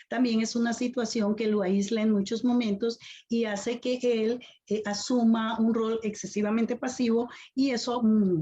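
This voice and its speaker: A woman with a Colombian Caribbean Spanish accent giving a semi-formal academic presentation as an educator, in a halting, explanatory way. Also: medium pitch, mellow. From Colombian Caribbean islands. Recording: dull lo-fi audio.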